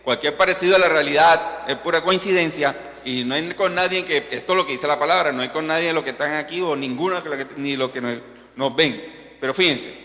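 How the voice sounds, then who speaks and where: Bright-voiced Colombian pastor preaching. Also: male voice, on the high side. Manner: animated, peppers the congregation with rhetorical questions. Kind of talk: sermon. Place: church hall. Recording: echoey church hall with long reverb.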